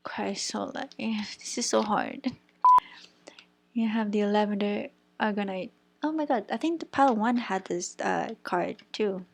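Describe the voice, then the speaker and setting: A woman's voice: medium pitch, measured pace, creaky, darkish tone, a little hiss or hum. A young woman giving a casual tarot reading, chatting as she shuffles, thinking aloud and sometimes dropping to a whisper. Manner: chatty, thinks aloud, stumbles over crystal names, some whispered words. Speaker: tarot reader.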